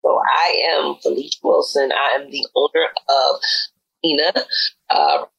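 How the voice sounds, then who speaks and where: A middle-aged woman answering interview questions over a video call, her mic clipping and distorting, speaking haltingly with many "um"s. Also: deep voice, fairly even intonation, creaky, fairly bright tone, breathy edge, dry recording, muffled recording. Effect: clipping, distorted mic audio. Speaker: restaurant owner, guest.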